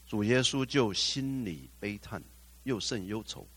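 A man's voice: fairly low pitch, animated, measured pace, a bit bright, husky. A male pastor preaching a sermon, putting questions to the congregation, slipping in English phrases and rising to fervent exclamations.

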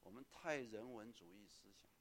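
A man preaching a sermon as pastor, lively and often calling on the congregation to answer, with English words mixed in. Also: fairly low pitch, normal speed, slight background noise.

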